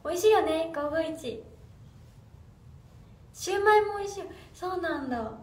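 A young woman idol chats casually on a livestream, reading fan comments aloud and giggling as she answers. Her voice is very high-pitched, animated and a little mellow, at a normal speed. She is off-mic and distant, with a roomy echo and faint room noise.

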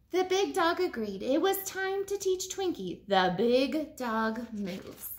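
In a living room at home, a teacher with a high voice reads a picture book aloud to pupils. Her intonation swings widely as she phrases each line deliberately, stressing key words for her young listeners.

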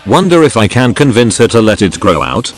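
A man's voice: medium pitch, big pitch swings, fairly quick. A man reading informal first-person stories aloud as a scripted dramatic narration. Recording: music behind the voice. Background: music.

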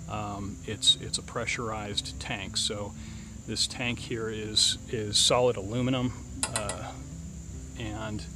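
A man showing off camping gear on his truck, talking casually with many ums and uhs, outdoors in the woods. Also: fairly low pitch. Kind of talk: casual product walkthrough. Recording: outdoor recording with insect noise.

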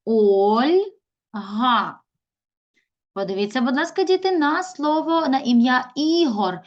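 A woman teacher giving a recorded lesson to young children. She reads words aloud and stretches out their syllables slowly. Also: high-pitched, expressive, lo-fi sound. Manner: slow, drawn-out syllables when sounding out words. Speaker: primary school teacher.

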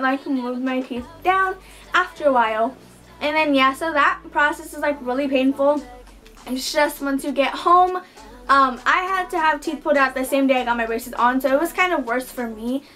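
A woman's voice: high voice, fairly bright tone. A young woman chatting casually to camera as a vlogger in her bedroom. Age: teens to young adult. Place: small bedroom indoors.

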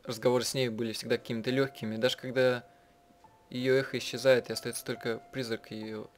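Game soundtrack music plays behind a man with a level, medium-pitched voice who translates a visual novel out loud. He comments casually, and his delivery is halting, with frequent mid-sentence rephrasing.

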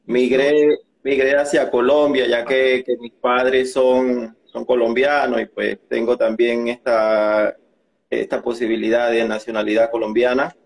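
A man's voice: medium pitch, creaky, low-quality recording. Young Venezuelan man, interview guest; hesitant, restarting speech. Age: young adult. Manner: halting, many restarts and fillers. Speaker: migrant content creator, guest. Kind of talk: interview testimony.

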